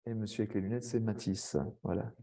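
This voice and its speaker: A man giving a webinar presentation to language teachers, chatty, with frequent tag words and quick asides. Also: fairly low pitch, fairly even intonation, vocal fry, mellow. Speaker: French language teacher trainer.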